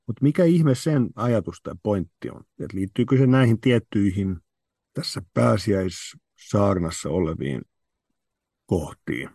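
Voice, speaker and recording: Deep husky man, dry close sound. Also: expressive, mellow, no room sound. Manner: thinks aloud with repeated words and restarts. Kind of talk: podcast discussion.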